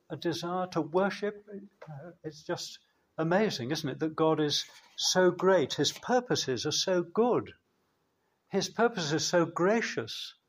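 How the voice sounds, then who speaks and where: A man preaching a sermon in a church, slow and measured, with emphatic pauses. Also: a little high.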